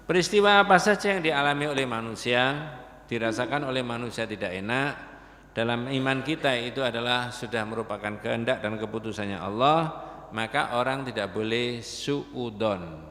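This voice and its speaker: A man teaching a religious study class, lively and often quizzing his listeners. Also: mid-range voice, normal speed. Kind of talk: mosque study lesson. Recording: echoey hall reverb.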